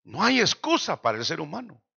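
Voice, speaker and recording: A man preaching a sermon in a church, slowing down dramatically for quoted lines. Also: high-pitched, big pitch swings, vocal fry, sharp tone, husky, highs cut off. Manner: dramatic preaching with slow emphatic quotations. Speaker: pastor.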